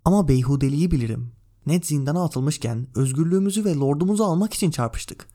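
A man's voice: a little high, expressive, fast talker, dark tone, lightly acted. Brief: male reader doing a weary, firm widowed noblewoman from a fantasy novel, earnest plea, no real voice change. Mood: pleading.

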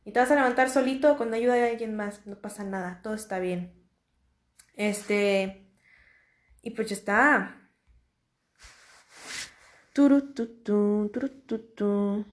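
A woman's voice: mid-range voice, steady tone, unhurried, long pauses, reverberant. A young woman with a Mexican accent hosting a podcast, talking casually in a slangy, reassuring, repetitive way. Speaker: podcast host. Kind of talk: casual motivational monologue.

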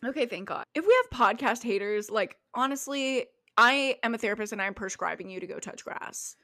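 A young woman co-hosting a casual podcast, telling stories in an animated, giggly way on a close mic. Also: on the high side, brisk. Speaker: podcast co-host. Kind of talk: casual chat.

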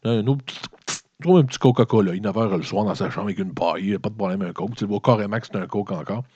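Québécois dude ranting through a movie plot, low husky voice, cursing, lo-fi sound. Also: male voice, quick pace, no echo. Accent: Québécois French. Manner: swearing, animated, colloquial storytelling. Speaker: comedic movie reviewer. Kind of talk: rambling comedic film recap. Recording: dull, lo-fi dry recording.

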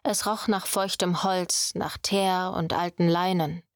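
A woman narrating a fantasy audiobook in a measured, even storytelling manner. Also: on the low side, clear, resonant tone, no room sound, clean studio sound. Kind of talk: scripted narration.

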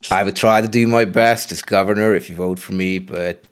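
Frank, deep-voiced man musing aloud. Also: fairly even intonation, fairly quick, clear, resonant tone. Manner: frank, musing, swears casually. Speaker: guest co-host. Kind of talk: casual podcast chat.

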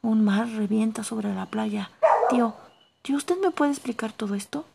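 A woman's voice: fairly high pitch, moderate pace, vocal fry, very noisy, voice pushed up. A woman voicing a weak, frightened young man lost underground, in whispered role-play, stammering and anxious. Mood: bewildered.

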